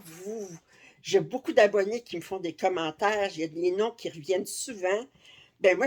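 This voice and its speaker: A woman's voice: lowish voice, a little mellow. A woman with a Québécois French accent, chatting casually to camera as a craft vlogger and checking in with "ok?" often. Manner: chatty, many fillers and "ok?" check-ins. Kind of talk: casual direct-to-camera chat. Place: her living room. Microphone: camera framing upper body.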